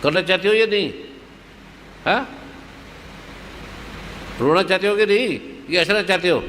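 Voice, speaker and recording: A man's voice: high-pitched, unhurried, fairly bright tone, big-room sound, a little hiss or hum. A man who is a spiritual guru, giving guided meditation instructions to an audience in short, repeated commands. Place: large hall at a live gathering.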